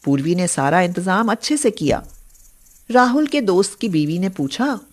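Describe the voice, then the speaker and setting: A woman narrating a moral story in calm, steady scripted narration. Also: fairly low pitch, moderate pace.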